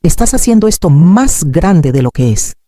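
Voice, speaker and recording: A woman's voice: fairly low pitch, sing-song, moderate pace, dark tone, dry recording, studio quality. A woman voicing a proud grown daughter who answers in short, defensive phrases. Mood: tense, defensive. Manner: curt, defensive. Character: tense proud grown daughter hiding debts.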